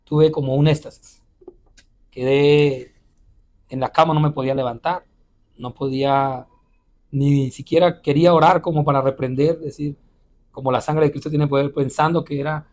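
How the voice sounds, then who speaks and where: A male pastor telling a personal spiritual testimony in an interview, halting and repeating words often with frequent "eh" fillers. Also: a little high, steady tone, a little mellow. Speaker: pastor and missionary.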